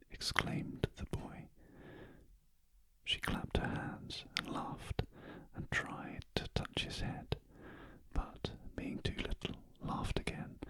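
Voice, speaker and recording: A man with a British accent reading a story in a very gentle, breathy ASMR whisper, close to the ear. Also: extremely high pitch, rough recording. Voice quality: soft, breathy, unvoiced whisper. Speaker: audiobook reader. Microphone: close ear-to-ear ASMR microphone.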